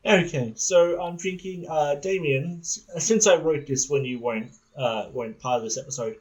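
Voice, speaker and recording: A podcast host telling an absurd comic story in a deadpan, rambling way. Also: male voice, a little high, normal speed, poor audio. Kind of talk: comedic storytelling.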